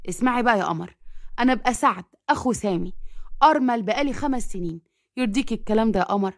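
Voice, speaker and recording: A tactless widower blurts out compliments in rapid Egyptian speech, as a woman puts him on. The voice sits fairly high and is recorded dry and close, with nothing behind it. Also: expressive, no room sound. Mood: brash. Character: brash widowed middle-aged man, smitten and tactless.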